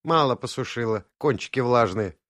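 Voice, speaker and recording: A man's voice: mid-range voice, lively intonation, moderate pace, a bit bright, no room sound, clean studio sound, lightly acted. A man voicing a frank, thoughtful young woman in an audiobook, candid and wry.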